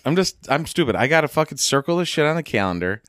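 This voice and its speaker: A man's voice: fairly high pitch, very animated, fast, dry recording, studio quality. Profane, rambling man in casual chat. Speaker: podcast co-host.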